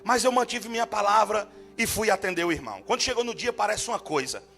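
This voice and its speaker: High-voiced guy preaching a story sermon in church, gets fiery and loud, faint music under it. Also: lively intonation, fast talker, gravelly. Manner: fervent, builds to shouting. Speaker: guest preacher. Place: church service.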